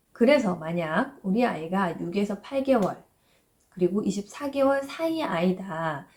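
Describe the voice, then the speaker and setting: A woman in her thirties explaining parenting advice in a gentle, reassuring way, sometimes voicing the worried thoughts of parents and children. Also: medium pitch. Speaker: parenting educator.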